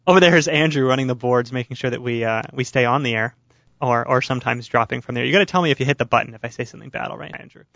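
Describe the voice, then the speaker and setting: A man's voice: medium pitch, very fast, gravelly, a bit bright, no echo, lo-fi sound. A man hosting a casual radio talk show, chatty and self-mocking as he tells a story in a studio. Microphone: studio microphone.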